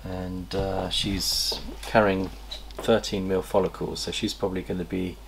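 With a low-pitched, flat delivery and vocal fry, a middle-aged man hosts a chatty snake-breeding vlog in his indoor reptile room. The casual show-and-tell is enthusiastic, with pauses as he recalls details. A camera across a table records him, with slight background noise.

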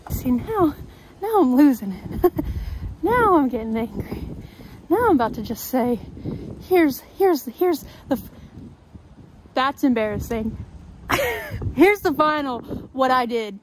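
A woman's voice: sits high, expressive, a little slow, pauses often, slight background noise, rough recording. A young woman vlogging while she gardens outdoors, rambling and joking at the camera. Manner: rambling, jokey and self-mocking, talking to the camera while gardening. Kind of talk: casual chat.

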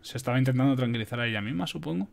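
A man's voice: medium pitch, very fast, vocal fry. A man reading an audiobook casually, with swearing asides, on a home microphone. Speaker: audiobook reader.

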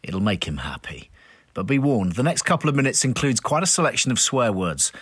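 A man's voice: mid-range voice, very animated, brisk, a bit bright, husky. A man hosting a podcast, reading scripted links with a wry tone. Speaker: podcast host. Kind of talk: scripted narration.

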